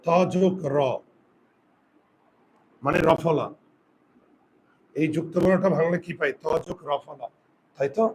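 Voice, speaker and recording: Male teacher, high voice, quizzes students and repeats words slowly, faint background noise. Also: darkish tone. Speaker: Bengali grammar teacher. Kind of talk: classroom lesson.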